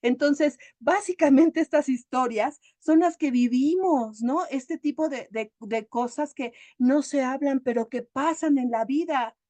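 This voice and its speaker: Animated woman telling stories. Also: high voice, a little slow, few pauses, no echo. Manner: chatty, animated storyteller. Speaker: emotional therapist and speaker. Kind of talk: storytelling talk.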